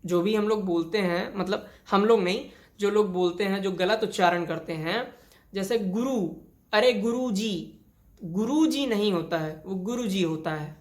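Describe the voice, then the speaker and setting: A woman teaching a classroom grammar lesson. She lays out each rule slowly and repeats it with one example after another, in a voice of medium pitch. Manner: explains step by step with many examples and repeats rules. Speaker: Hindi teacher.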